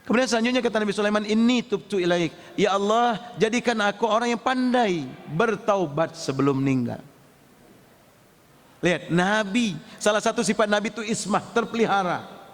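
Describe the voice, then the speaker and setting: A man preaching a sermon, telling humorous stories and acting out household dialogue in a lively way. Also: high voice. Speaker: Islamic preacher. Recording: long hall reverb.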